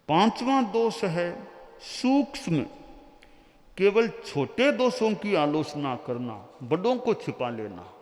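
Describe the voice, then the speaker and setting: Slow-speaking man preaching in echoing hall. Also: fairly high pitch, a little mellow. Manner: slow, deliberate teaching with acted quotes. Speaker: Jain monk preacher. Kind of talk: sermon. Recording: long hall reverb.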